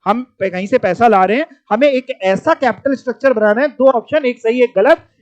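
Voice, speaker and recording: A man's voice: very high voice, a little fast, a little mellow. A male teacher giving a classroom lecture, explaining terms and quizzing his students with questions. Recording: dull lo-fi lecture recording.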